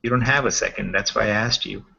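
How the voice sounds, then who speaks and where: Bright-voiced man on a lo-fi video call. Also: fairly low pitch, quick pace, vocal fry. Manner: talks through a shared screen, loose and chatty. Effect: heard over a video call. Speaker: host presenting member updates. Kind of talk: casual webinar walkthrough. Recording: dull lo-fi video call audio.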